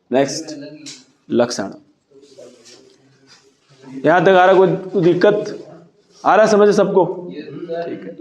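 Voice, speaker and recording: A man teaching a classroom lecture, dictating notes slowly and repeating each line, then quizzing his students with questions. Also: a little high, darkish tone, muffled recording.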